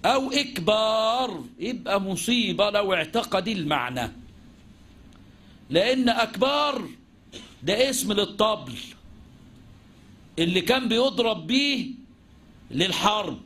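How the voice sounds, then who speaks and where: A man's voice: high voice, big pitch swings, a little slow, pauses often, fairly bright tone. A man with an Egyptian accent teaching Islamic jurisprudence, asking and answering his own questions and mixing formal and colloquial speech. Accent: Egyptian Arabic. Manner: mixes formal classical phrasing with colloquial speech. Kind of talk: religious lesson.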